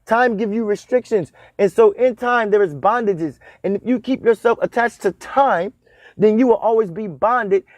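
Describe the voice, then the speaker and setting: A man in his thirties, a spiritual teacher with a high voice, gives a talk on what dreams mean at normal speed. Like a preacher, he repeats and emphasizes his points, recorded with no room sound.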